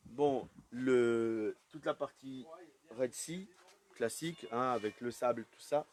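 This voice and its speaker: A man's voice: medium pitch, a little mellow, slight background noise. A man giving a casual live walkthrough of an aquarium shop, chatting loosely with plenty of fillers as he walks around. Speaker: aquarium shop tour host.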